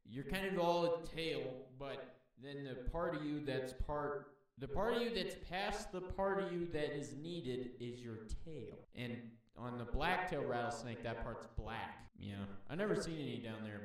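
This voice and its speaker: A man's voice: medium pitch, normal speed, few pauses. A man hosting a casual, rambling, jokey commentary as he looks through wildlife photos. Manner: jokey, rambling, talks to himself. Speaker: host. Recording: echoey room, far from the mic.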